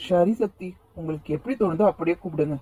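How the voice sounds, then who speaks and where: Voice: mid-range voice, fast talker, mellow, slightly rough, close to an everyday voice, rough recording. A voice actor doing an easygoing, coaxing young man. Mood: friendly. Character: friendly, teasing young man. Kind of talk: cartoon voice acting.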